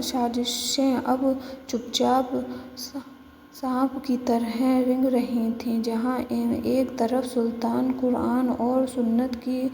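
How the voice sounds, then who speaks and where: A woman narrating a story aloud in a steady reading voice. Her voice sits somewhat high, with a dark, gravelly tone and little pitch movement. The room is echoey with a long reverb, and a faint ambient hum sits underneath.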